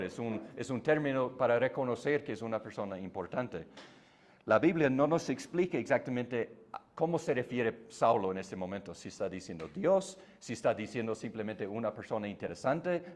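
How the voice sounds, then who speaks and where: A man whose first language is English, teaching a Bible class in Spanish with patient explanations and frequent tag questions. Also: medium pitch.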